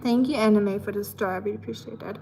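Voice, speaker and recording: Reading viewer messages aloud, a young German-accented woman hosts a livestream with quick, playful chatter, laughing often and tossing in asides. Her voice is mid-range and darkish, with fairly even intonation.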